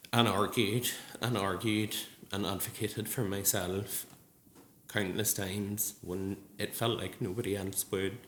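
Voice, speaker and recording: Man, early thirties, low voice, earnest testimony speech, echoey hall. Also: steady tone, fairly bright tone, slight background noise. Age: 30s. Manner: earnest, measured, with frequent ums. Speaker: nurse speaking at a support group event. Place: large gallery hall. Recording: echoey hall with faint ambience.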